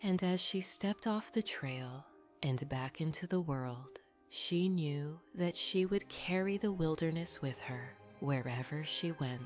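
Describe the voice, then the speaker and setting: Sleep story narrator: woman, low soft half-whisper, very unhurried, soothing bedtime delivery over music. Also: expressive. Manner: soothing, unhurried, gently guiding listeners to rest. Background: background music.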